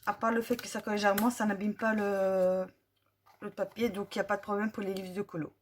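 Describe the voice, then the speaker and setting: A French-accented woman talks through a craft haul in a slow, casual way. She reads out colour codes one by one and fills gaps with hesitant "euh" sounds. Her voice is soft and a little breathy, at a middle pitch. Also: little pitch movement. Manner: slow, careful listing of colour numbers with many fillers. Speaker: vlogger. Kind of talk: casual product review.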